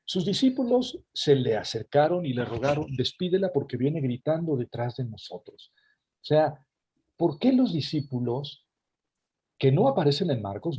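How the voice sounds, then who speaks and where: A man's voice: medium pitch, mellow, slightly rough. A man lecturing on a scripture passage in an online class over a video call, explaining as he goes and turning to his listeners with asides. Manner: engaging, often addresses listeners with asides.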